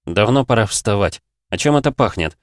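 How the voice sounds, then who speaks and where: A man voicing a steady, protective young man. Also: fairly low pitch, a little fast, no room sound, clean studio sound, natural voice.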